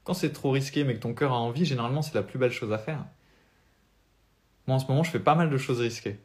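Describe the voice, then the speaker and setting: A man's voice: medium pitch, quick pace. A young French man with a French accent, a spiritual life coach giving an earnest, motivational talk on a live stream without notes.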